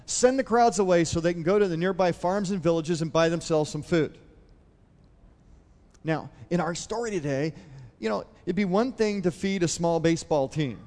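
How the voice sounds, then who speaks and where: Male pastor, conversational sermon, slightly high voice, long hall reverb. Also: moderate pace, a little mellow. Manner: conversational, asks the congregation questions. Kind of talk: sermon retelling a Bible story. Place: church hall.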